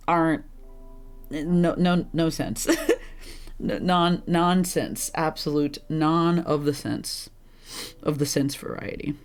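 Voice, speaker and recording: A streamer playing a visual novel rambles through casual gameplay commentary, often laughing at herself. Her voice is deep and rough, slightly hoarse and congested.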